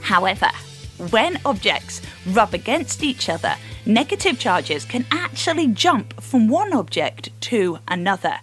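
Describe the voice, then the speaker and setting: A woman science presenter explaining things simply to children in a bright, curious, encouraging way. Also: medium pitch, big pitch swings, a little slow, faint music behind. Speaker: guest science presenter and prop builder.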